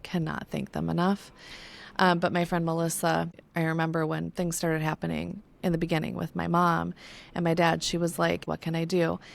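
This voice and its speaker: A woman's voice: fairly low pitch, creaky. A woman co-hosting a podcast in casual chat. She talks candidly, swears freely and is close to tears. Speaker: podcast co-host.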